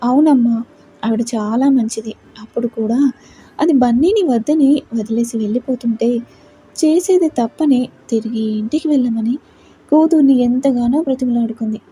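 A woman's voice: fairly high pitch, moderate pace, dark tone, slight background noise, close to an everyday voice, poor audio. A woman voicing a fond, fretful old grandmother. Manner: affectionate, worried questions.

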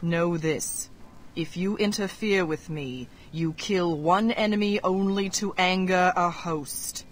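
A woman voicing an arrogant, cold female Red Wizard in a fantasy game, speaking in measured threats. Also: fairly low pitch. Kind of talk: game voice acting.

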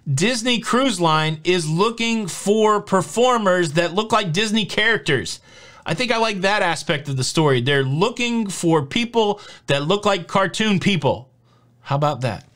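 A fairly high-pitched man with a fairly bright tone hosts a casual news vlog. In his forties, he jokes around and chats in an upbeat style laced with fillers, speaking from a home studio with collectible-filled shelves.

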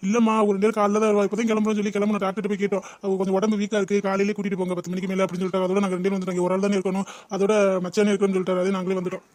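A man voicing a calm middle-aged husband in an animated cartoon, matter-of-fact and reassuring. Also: high voice, very fast, few pauses, natural voice. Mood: explaining.

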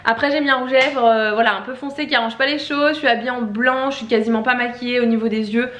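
Speaking fast with a fairly bright tone, a young woman vlogs casually about beauty from indoors at home, chatty and full of fillers. Her voice runs on the high side with fairly even intonation. The room is echoey, and there's a little hiss or hum.

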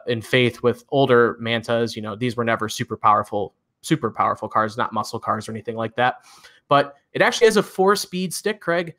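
A man with a Midwestern American accent co-hosts a car news show, recapping the news casually. His mid-range voice has a sharp tone, and he's chatty and enthusiastic, with lots of fillers and laughs.

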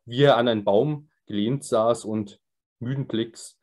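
A man reading a literary text aloud in a measured way, with small stumbles and repeats. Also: medium pitch, a little mellow. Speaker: reader.

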